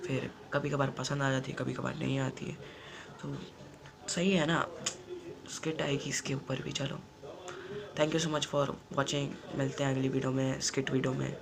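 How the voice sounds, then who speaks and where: A man's voice: medium pitch, little pitch movement, unhurried, gravelly, crowd noise. A teenage boy telling an unscripted school story for his vlog, rambling and repeating himself. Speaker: YouTuber.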